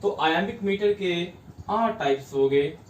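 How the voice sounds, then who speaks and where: An English teacher from India with a high-pitched voice delivers a classroom lesson at a slow pace, leaning heavily on every stressed syllable as he spells them out. The microphone is distant, so he sounds far off in a reverberant room with a low hum underneath.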